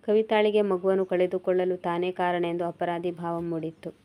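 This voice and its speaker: A woman narrating a moral storybook tale in a steady, even read-aloud manner. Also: lowish voice, moderate pace.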